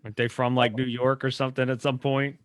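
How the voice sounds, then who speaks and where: A man's voice: mid-range voice, level tone, fast talker, slight background noise. A man chiming in and laughing during casual chat on a video call.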